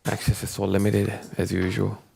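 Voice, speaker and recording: A low, gravelly man talks over a snooker match in a halting, unhurried way, full of small pauses and fillers. A faint hiss sits under his voice. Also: completely flat delivery. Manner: hesitant, filler-heavy, soft-spoken. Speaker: guest commentator. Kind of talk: casual snooker commentary.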